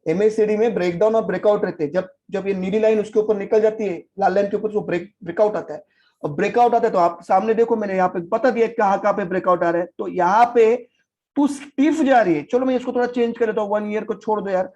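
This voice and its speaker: A high-voiced man talks traders through indicators in a casual, scolding lesson. His tone is mellow rather than bright, and he speaks bluntly. The recording sounds slightly dull and lo-fi. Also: steady tone, fast talker. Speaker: stock market trainer. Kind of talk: casual market analysis lesson.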